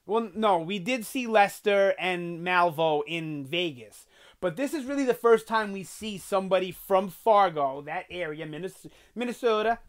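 With webcam-quality sound, a young New Yorker running a TV review channel chats loosely in a small bedroom full of shelved collectibles. His voice is high and unhurried, and he's animated throughout, gesturing a lot and dropping plenty of "um" and "you know" fillers.

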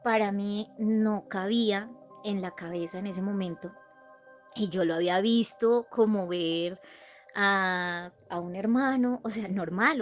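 A woman's voice: medium pitch, muffled recording. A woman tells a personal story in a conversational way, with restarts and repeated phrases. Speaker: guest giving a testimony.

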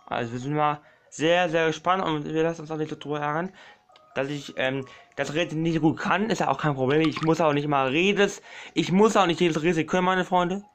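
A man's voice: a little high, a little fast, fairly bright tone, soft background music. Rambling gaming commentator man. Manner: rambling, repeats himself, says "meine Freunde" often; snaps at people interrupting him off-mic. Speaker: gaming YouTuber. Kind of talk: let's play commentary.

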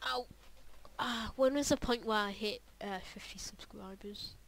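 A woman's voice: mid-range voice, a little slow, low-quality recording. A young woman chatting casually as she reacts to her own old videos, rambling with lots of fillers and trailing off. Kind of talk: casual reaction vlog commentary.

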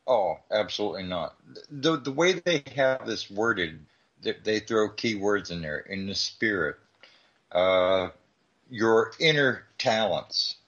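A man's voice: fairly low pitch, expressive, takes it slowly, fairly bright tone, highs cut off. A man guest on a radio talk show, speaking emphatically and often repeating his words.

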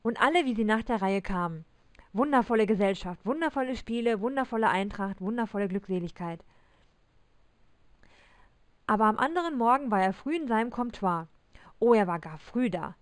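A woman reading a classic Christmas story aloud in German, narrating with expressive, lively delivery. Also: on the high side, normal speed, clear, resonant tone, no echo.

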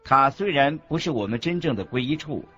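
Brisk and husky with a sharp edge, this man reads a monk's religious teachings in a radio drama. He speaks at medium pitch with lively intonation in a careful, instructive way, while background music plays beneath muffled audio.

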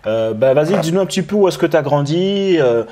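A man's voice: fairly high pitch, expressive, a little fast, mellow. A man hosting an online interview, joking and chatting directly to his viewers over a webcam. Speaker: host. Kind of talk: casual interview on a video call. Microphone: video call webcam.

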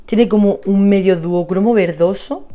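Mujer española, tono medio, habla entusiasta y cercana, tutorial casero de maquillaje. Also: female voice, medium pitch, moderate pace, warm tone. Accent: Spain Spanish. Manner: chatty, gushing, talks to viewers while applying makeup. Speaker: beauty vlogger. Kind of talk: casual makeup tutorial chat.

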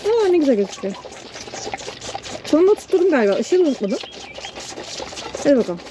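A woman's voice: high-pitched, big pitch swings, fast. A young woman doing farm chores and chatting casually to her camera and to the animals as she feeds lambs. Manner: chatty, self-talking, coaxing animals. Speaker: farm vlogger. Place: barn with sheep and chickens. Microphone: head-mounted camera mic. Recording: noisy barn recording with bleating. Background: bleating lambs and sheep.

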